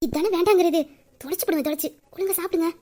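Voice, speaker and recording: A woman voicing a sharp-tongued but caring young wife who scolds her husband in an audio drama. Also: fairly even intonation. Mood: scolding. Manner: scolding, quick and shrill. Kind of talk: Tamil audio drama dialogue.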